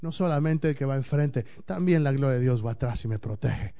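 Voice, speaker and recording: A man preaching a sermon as pastor, swinging between loud declaiming and hushed, intimate passages. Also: medium pitch, animated, brisk, lo-fi sound.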